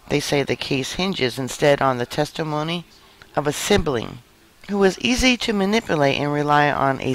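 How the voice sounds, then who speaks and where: A man giving a scripted news narration in an even, measured read. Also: a little high, rough recording. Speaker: news reader.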